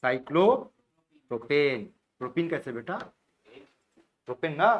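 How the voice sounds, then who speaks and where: Male chemistry teacher, slightly high voice, coaxing classroom drill style. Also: animated, normal speed, fairly bright tone. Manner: coaxing, repeats answers, calls students beta.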